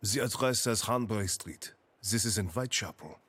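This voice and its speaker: An actor playing a stern, worldly young manservant with a blunt, measured, scornful manner, in animated drama style. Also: male voice, fairly low pitch, slightly rough. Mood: stern warning. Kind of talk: animated drama dub acting.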